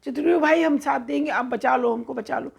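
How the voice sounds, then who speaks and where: A woman's voice: sits high, brisk, creaky. A woman voicing a frightened flock of pigeons begging their leader to save them in a children's story. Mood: pleading. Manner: pleading.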